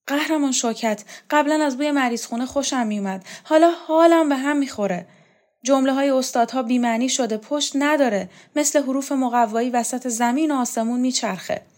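A woman voicing a desperate young man who begs in a high, strained voice in a read-aloud novel. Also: few pauses, lightly acted. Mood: distraught.

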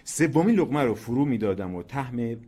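A man reading a short story aloud in a dramatic, expressive narration. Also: medium pitch. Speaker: story reader. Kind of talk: scripted narration.

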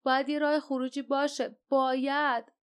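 A woman's voice: sits high, flat delivery, voice pushed up, close to an everyday voice. A woman voices a young, bold hero whose lines come out tense and urgent. It is a storybook reading with a mostly natural voice. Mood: worried. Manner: urgent shouting. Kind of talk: audiobook character voice.

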